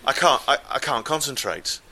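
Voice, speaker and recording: A man telling a comic story live, wry and exasperated, with deadpan asides. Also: mid-range voice, moderate pace, background noise.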